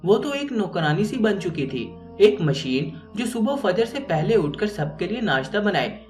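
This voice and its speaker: A man's voice: high-pitched, very animated, measured pace. A man narrating a moral story in an earnest, moralizing way. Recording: roomy, distant mic, faint music.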